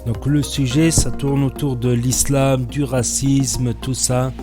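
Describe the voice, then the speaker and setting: A man's voice: mid-range voice, level tone, takes it slowly, over music. A man casually introducing a reaction video as its host. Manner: casual, plain spoken.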